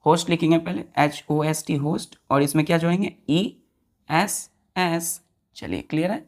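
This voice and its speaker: A woman's voice: low voice, quick pace, darkish tone. A woman teaching grammar to students, spelling words out letter by letter, repeating each answer and checking that they follow. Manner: keeps checking if students understood.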